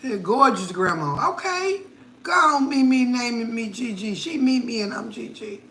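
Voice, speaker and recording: A woman's voice: on the high side, expressive, moderate pace, a bit bright. A middle-aged woman from Connecticut, a cooking vlogger chatting casually and playfully, laughing often. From Connecticut, USA. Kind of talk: casual live chat.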